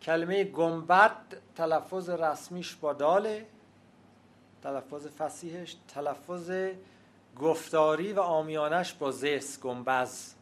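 A man giving an academic lecture, speaking in a measured, explanatory way and pausing often with hesitations. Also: on the high side. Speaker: lecturer on language history.

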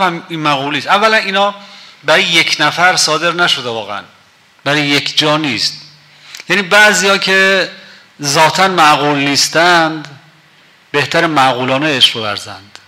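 Brief: male lecturer, conversational storyteller, fairly high voice with a sharp, forceful edge. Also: pauses often. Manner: conversational, asks rhetorical questions. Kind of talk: storytelling lecture with quoted poetry.

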